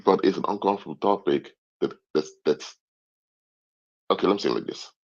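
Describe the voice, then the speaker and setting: Through muffled, lo-fi stream audio, a Curaçao-born man raised in the Netherlands, whose first languages are Papiamento and Dutch, delivers a casual monologue as host and anthropologist. His very deep, gravelly voice moves briskly with a slightly mellow quality, and he explains by repeating and restarting phrases.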